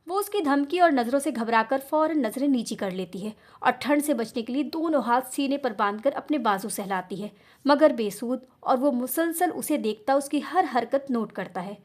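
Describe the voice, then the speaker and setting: A woman's voice: sits high, expressive, normal speed, darkish tone. A woman narrating an audio novel in a dramatic, emotive storytelling style.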